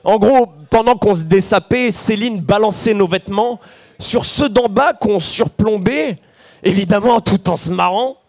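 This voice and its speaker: A man's voice: sits high, a little slow, a little mellow. A man performing a bawdy, self-mocking comic story in rhyme in front of a live audience.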